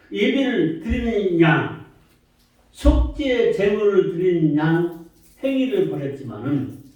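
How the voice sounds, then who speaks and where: A male pastor delivers a sermon at a deliberate, unhurried pace, pushing his voice upward into emphatic questions. His tone is mellow and somewhat high for a man. The sound reaches the mic from far off through the heavy echo of a church sanctuary. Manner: preaching slowly with rising emphatic questions.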